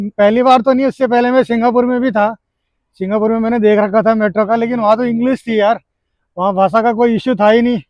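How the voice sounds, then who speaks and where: Man from India, casual storyteller, high voice, dry muffled recording. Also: dry recording. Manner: chatty, laughing, addresses friends often. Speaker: vlogger. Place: Japan.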